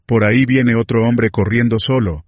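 A man's voice: medium pitch, fairly even intonation, normal speed, no echo, natural voice. A man reading as a watchful city sentinel.

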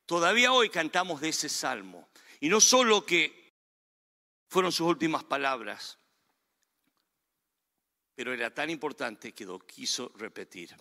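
A man's voice: on the high side, expressive, unhurried, long pauses, pushed and bright. A man preaching a sermon as pastor, earnest and emphatic, his delivery swelling and falling back. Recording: long reverb of a large hall.

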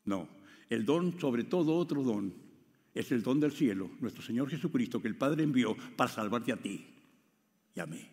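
A man preaching a sermon, swinging between loud exclamations and hushed asides. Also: mid-range voice, animated, normal speed. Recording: long hall reverb.

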